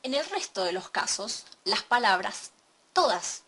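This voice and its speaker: Woman, English teacher, slide lesson, clear bright tone, patient step-by-step explaining. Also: mid-range voice, sing-song, a little slow, slight background noise.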